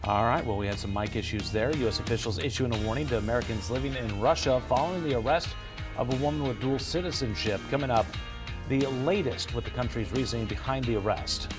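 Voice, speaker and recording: A man reading news stories as a morning TV anchor, with a lively, expressive delivery. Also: mid-range voice, fast, over music. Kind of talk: read news copy. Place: TV news studio.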